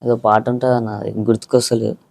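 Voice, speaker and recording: A man's voice: mid-range voice, flat delivery, quick pace, creaky, darkish tone. A young man, giving short, subdued, mumbled answers as an interview guest. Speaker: interview guest, reel maker.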